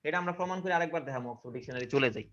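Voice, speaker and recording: A man's voice: mid-range voice, rapid-fire, a bit bright, highs cut off. A man with a Bangladeshi Bengali accent teaching English pronunciation to a class, often asking whether they follow. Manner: questioning, checks understanding often. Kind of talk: online classroom lesson.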